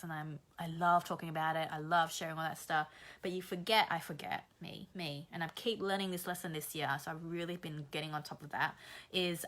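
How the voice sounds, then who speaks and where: A woman talks to her live stream viewers as a creative coach, her voice slightly hoarse from a recent flu and sitting a little low. She speaks with energy and bluntness, pushing her audience to show up and do the work, yet keeps it encouraging. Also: fairly bright tone.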